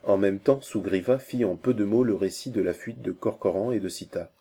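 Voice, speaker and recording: A man narrates a classic adventure novel as an audiobook. His voice sits low and sounds mellow and relaxed, and his delivery is measured and steady. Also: husky.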